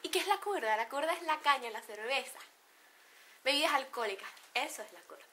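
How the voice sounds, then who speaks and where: A woman's voice: sits high, expressive, brisk, pushed and bright, slight background noise. A woman with a Venezuelan accent chatting playfully to camera, laughing often as she explains slang. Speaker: beauty vlogger. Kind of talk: casual chat to camera.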